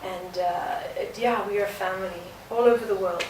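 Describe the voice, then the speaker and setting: Her voice sits at a medium pitch: a South African guest dancer in her early twenties, speaking earnestly and reflectively in a conversational interview, often stopping on fillers. The art venue setting is indoors and echoey, miked from a distance, with steady background noise throughout.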